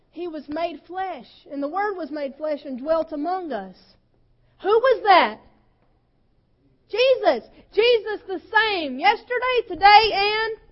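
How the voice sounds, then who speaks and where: A woman pastor preaching a sermon with passion, her voice sometimes breaking with emotion and swinging between loud and soft. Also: high voice, highs cut off.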